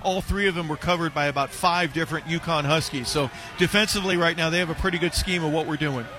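A man's voice: a little high, fast talker. A man giving analysis as the color commentator on a live football radio broadcast. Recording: stadium noise behind the voice.

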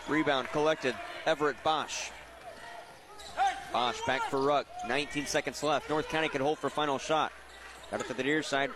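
A man doing live radio play-by-play of basketball in clipped phrases, tracking each pass and shot. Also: on the high side. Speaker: play-by-play announcer. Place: high school gym, courtside.

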